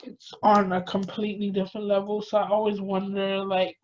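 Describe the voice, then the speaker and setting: A woman's voice: mid-range voice, little pitch movement, brisk. Rambling, casual woman on a dull recording. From Caribbean, lived in Jamaica. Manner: rambling, peppered with "like". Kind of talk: casual chat. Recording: dull lo-fi sound, noisy background.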